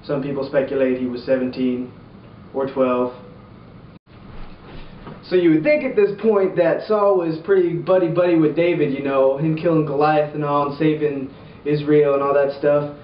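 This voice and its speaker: A man's voice: a little high, normal speed. A man with an upbeat, slangy, jokey youth pastor manner, casually telling Bible stories for laughs. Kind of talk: casual comedic Bible storytelling to camera. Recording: roomy, distant, muffled, faint background noise.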